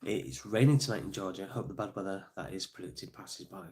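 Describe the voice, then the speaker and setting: Low, a little mellow and slightly fast, this middle-aged man's voice carries a casual live stream. He's sniffly and stuffed up, and he chats on, naming viewers to thank them between frequent ums.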